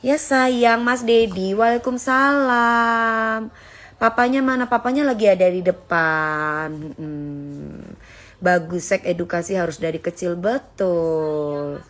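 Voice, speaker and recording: A woman hosting a casual livestream on her phone, chatting with viewers and lecturing her son in a warm, teacherly way. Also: medium pitch, fairly even intonation, takes it slowly. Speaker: livestream host reading viewer comments. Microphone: phone held for a livestream.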